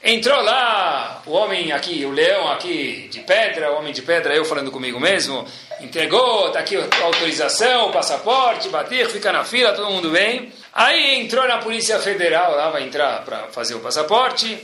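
A man's voice: on the high side, normal speed, roomy sound. A middle-aged man with a Brazilian Portuguese accent tells a story to an audience, calling out to his listeners with asides. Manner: animated, addresses listeners as "pessoal", adds asides.

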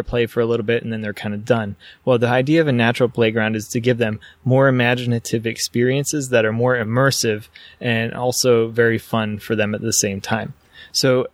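Excited man hosting a podcast. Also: mid-range voice, dry recording. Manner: enthusiastic, rambling with fillers. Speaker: podcast host. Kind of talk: casual solo podcast talk.

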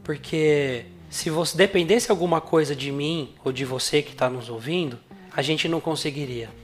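A man's voice: on the high side, normal speed. A man speaking through a voice changer with a Brazilian Portuguese accent, an earnest podcast co-host reflecting on faith. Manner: earnest, emphatic repetition. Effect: voice changer, altered voice.

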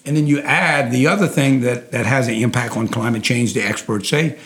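A man's voice: medium pitch, normal speed, a bit bright. A man speaks in a thick Louisiana Cajun accent, with a mid-range voice in a roomy, echoing space. He explains persuasively, as an interview guest would, and leans on repeated phrases to drive points home. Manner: emphatic, repeats phrases for weight. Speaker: interview guest, oil industry advocate.

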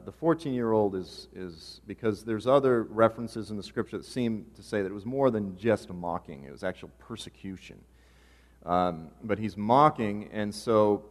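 Pastor with a low voice in a reverberant church. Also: male voice. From Boston area. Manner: casual, joking asides. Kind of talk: sermon. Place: church sanctuary.

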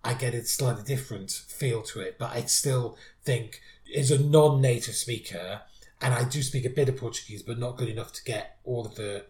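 A male podcast co-host reviews songs in a casual, thoughtful chat, restarting his sentences often. His medium-pitched voice has a darkish tone and a normal speed. The recording carries a roomy echo.

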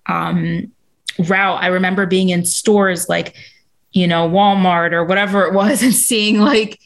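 A woman's voice: lowish voice, fairly even intonation, unhurried. A woman talking as a podcast guest, sharing a meandering, chatty story in casual interview conversation.

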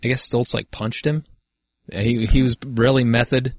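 A man's voice: mid-range voice, moderate pace, dry recording, clean studio sound. A man co-hosting a podcast, talking casually and swearing freely during a movie commentary. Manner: relaxed, chatty, swears freely. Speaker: podcast co-host.

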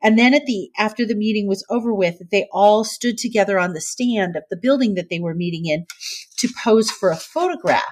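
Earnest lady cohosting a chatty news podcast, reads quotes out, middle pitch. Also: brisk, a little hiss or hum. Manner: earnest, reads quotes aloud, gets teary. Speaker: podcast co-host. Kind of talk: casual news chat.

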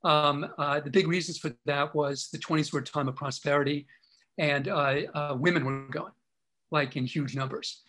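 Chatty academic man, higher voice. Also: steady tone, normal speed, fairly bright tone, faint music behind, rough recording. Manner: discursive, many fillers and restarts. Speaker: author and historian guest. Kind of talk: interview answers.

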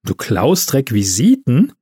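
A man's voice: mid-range voice, wildly swooping pitch, slow, warm tone, husky, exaggerated voice. A man voicing a laid-back young male elf artist with an easygoing, wry way of talking. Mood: exasperated.

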